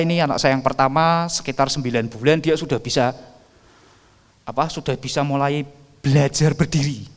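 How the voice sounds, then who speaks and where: A man, preaching a sermon and quizzing the congregation with rhetorical questions. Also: a little high. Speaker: pastor. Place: church sanctuary. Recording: reverberant church hall.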